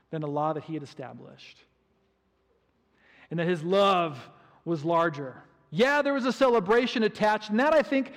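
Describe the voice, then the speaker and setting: High-voiced male pastor, animated storyteller, long hall reverb. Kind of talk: sermon.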